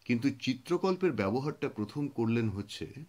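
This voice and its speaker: Male poetry reader, mid-pitched, unhurried reflective storyteller who pauses to think. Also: expressive, darkish tone. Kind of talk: reflective spoken commentary on poetry.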